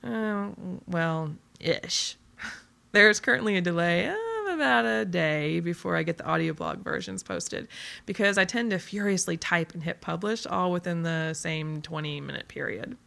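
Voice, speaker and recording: Gravelly, sarcastic woman blogger. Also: mid-range voice, bright, forceful tone. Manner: sarcastic, theatrical, self-mocking. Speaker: blogger reading her own post. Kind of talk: dramatic audio-blog reading.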